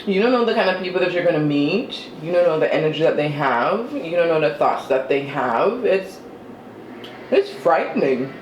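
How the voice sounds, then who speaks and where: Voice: medium pitch, lively intonation, normal speed. A vlogger chatting casually while eating on camera, with chewing sounds and a chatty, self-deprecating manner. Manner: eats while talking, with chewing and mm-hmm sounds. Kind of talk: casual eating vlog chat. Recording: roomy with faint ambient noise.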